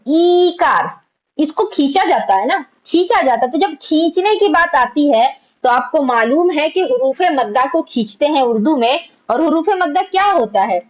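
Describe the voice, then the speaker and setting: A woman's voice: high voice, highs cut off. A woman teaching an online Urdu lesson, patiently explaining letters and quizzing her students.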